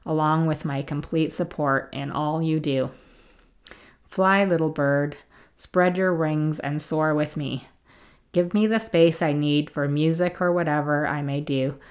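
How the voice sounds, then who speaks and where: A woman hosting a casual podcast, reading listener letters aloud in a gentle, chatty way. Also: low-pitched. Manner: reads gently, laughs easily, chatty asides.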